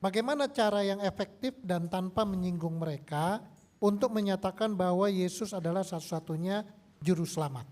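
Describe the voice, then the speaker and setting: Male moderator, high voice, steady question reading. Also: normal speed.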